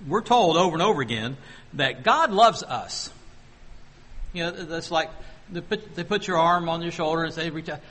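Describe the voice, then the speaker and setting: A man preaching a sermon, asking the congregation questions and slowing down to read scripture aloud. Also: on the high side, lively intonation, bright, forceful tone. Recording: long hall reverb.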